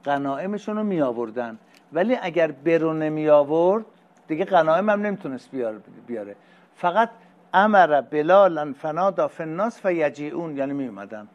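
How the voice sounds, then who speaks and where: A middle-aged male religious teacher who reads Arabic phrases slowly and then explains them in casual conversational speech. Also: fairly high pitch. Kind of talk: lecture explaining Arabic hadith text.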